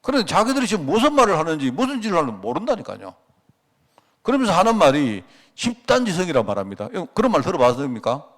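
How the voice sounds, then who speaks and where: A man's voice: fairly high pitch, huge pitch swings, quick pace, fairly bright tone. A middle-aged male pastor giving a conversational sermon at a prayer meeting, asking the congregation rhetorical questions and telling anecdotes. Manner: acts out quoted dialogue.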